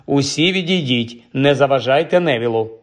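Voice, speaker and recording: Encouraging middle-aged wizard teacher, man narrating, audiobook voice, ordinary pitch, praising. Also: moderate pace, close to an everyday voice. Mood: instructing. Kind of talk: audiobook character voice.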